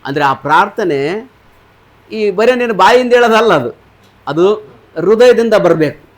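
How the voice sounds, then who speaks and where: A pastor preaching in a church, quizzing the congregation and repeating their answers, with frequent hallelujahs. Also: male voice, sits high, lively intonation, measured pace. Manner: punctuates points with hallelujah. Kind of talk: sermon. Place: church service.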